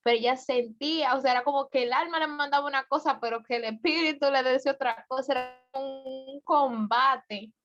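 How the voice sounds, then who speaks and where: A woman's voice: high voice, steady tone, brisk, fairly bright tone, dry recording, dull audio, faint music behind. A woman sharing her thoughts in a group Bible study, reflective and thinking aloud.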